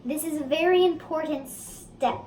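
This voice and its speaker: High-pitched child in a roomy kitchen. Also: normal speed, a little mellow. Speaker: cooking video host. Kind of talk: casual cooking demonstration. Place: indoor home kitchen. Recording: roomy kitchen echo, background noise.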